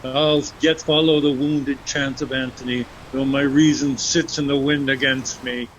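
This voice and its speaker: An amateur actor reading a wry, stubbornly loyal soldier in a Shakespeare play. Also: male voice, little pitch movement, measured pace, fairly bright tone, natural voice, poor audio. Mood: wry, resolute. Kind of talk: amateur Shakespeare read-aloud. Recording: video call with faint rumbling noise.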